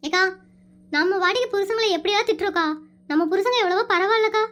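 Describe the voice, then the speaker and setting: A performer voicing a chatty, caring village woman in an animated comedy who exclaims and keeps calling the other woman "akka". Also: very high voice, fast. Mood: indignant.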